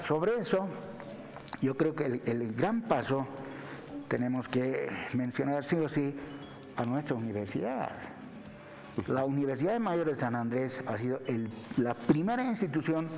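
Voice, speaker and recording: This television interview features a Bolivian university lecturer whose mid-pitched voice is a little mellow. He teaches as he talks, frequently tacking short questions onto his phrases, while a long hall reverb and faint music sit beneath him.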